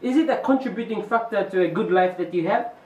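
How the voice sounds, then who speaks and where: A man's voice: sits high, fast, muffled recording. A teenage boy with a New Zealand accent hosting a school show, using formal, stock interviewer phrases. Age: teens. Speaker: student host of a school boarding-house show. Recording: echoey room, mic far off.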